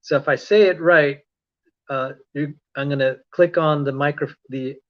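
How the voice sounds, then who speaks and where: At a moderate pace and in a steady tone, a man with a fairly high voice gives a casual online lecture on a livestream. Though from the Philippines, he speaks with an American accent, rambling chattily and correcting himself, all over dull lo-fi stream audio.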